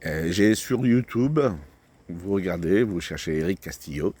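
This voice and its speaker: Deep voiced guy rambling slowly by the road, lots of euh and stops, middle-aged. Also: lively intonation, dark tone. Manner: slow and halting, many fillers and restarts. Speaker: vlogger. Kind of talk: casual rambling vlog talk. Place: outdoors by a road.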